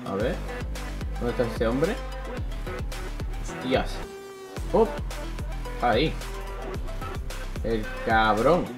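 A young man from Spain, commentating his own gameplay in an excitable way, swearing often and bursting into loud shouts. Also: medium pitch, drawn-out words, pauses often, over music. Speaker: gaming youtuber.

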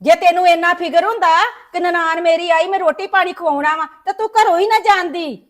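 A woman playing a scolding, sharp-tongued middle-aged mother-in-law in a family web drama, nagging and reproachful. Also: very high-pitched, a little fast.

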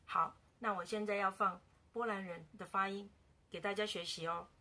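Woman language teacher, bright and a bit gravelly, casual beginner lesson, repeats words slowly. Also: medium pitch, steady tone.

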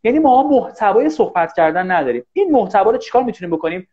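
A man teaching English in a casual live online class, talking fast and animated and often thanking viewers. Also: sits high. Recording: dull lo-fi livestream audio.

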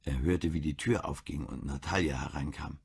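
A man reading a German crime audiobook in a calm, measured way. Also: extremely low pitch, vocal fry, slightly rough. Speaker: audiobook narrator. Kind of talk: scripted narration.

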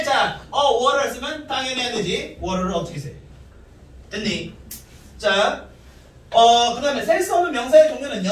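A man with a very high, bright voice lectures on grammar to students. He keeps asking rhetorical questions and repeating key points. He sounds far from the mic in a strongly echoing room. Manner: repetitive, quizzing students, many rhetorical questions. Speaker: middle school English teacher.

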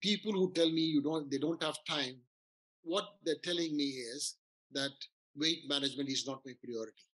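A man's voice: a little high, moderate pace, fairly bright tone, rough recording. A middle-aged man, a doctor, giving a casual, earnest talk on weight loss, explaining with frequent restarts. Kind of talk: informal health talk.

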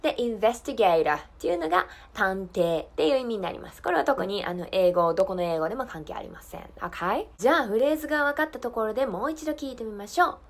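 A woman's voice: a little high, expressive. Woman teacher drilling English phrases. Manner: slow, careful model phrases and fast explanations; repeats drill phrases for learners. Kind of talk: language lesson.

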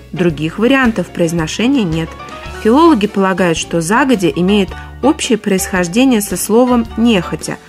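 A woman presenting a short broadcast segment on correct speech, in a clear, instructive and friendly manner. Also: fairly low pitch. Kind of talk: scripted broadcast talk.

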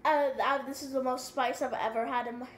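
A young woman vlogging at a table at home while eating spicy food, excitable and dramatic, exclaiming and repeating herself. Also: sits high, brisk. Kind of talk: casual mukbang vlog. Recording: echoey room with background noise.

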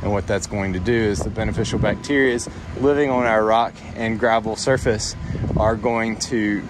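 Low-voiced man explaining a pond build outdoors. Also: steady tone, normal speed. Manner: plain, explanatory, loose restarts. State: out of breath. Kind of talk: casual on-site walkthrough. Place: outdoor backyard construction site. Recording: outdoor recording with wind noise.

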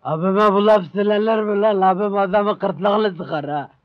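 A man's voice: sits high, moderate pace, no room sound, lightly acted. An actor playing a blustering, loyal henchman in a comedy film. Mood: threatening. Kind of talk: Turkish comedy film acting. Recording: dull old film soundtrack.

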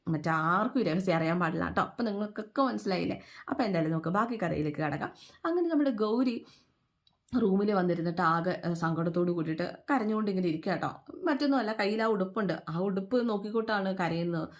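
A woman's voice: mid-range voice, animated, fast. A woman talking casually as she recaps a TV serial episode, often asking listeners questions and acting out the characters' lines. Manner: chatty, with many fillers, asks listeners questions, acts out quoted dialogue.

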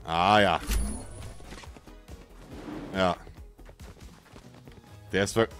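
A man in his thirties doing casual live gaming commentary into a close mic, with slangy swearing and frustrated exclamations, swinging between muttering and shouting. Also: sits low, fairly even intonation, very slow, faint music behind. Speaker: livestreamer playing a video game. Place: small dim indoor streaming room. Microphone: close studio microphone on arm, headset.

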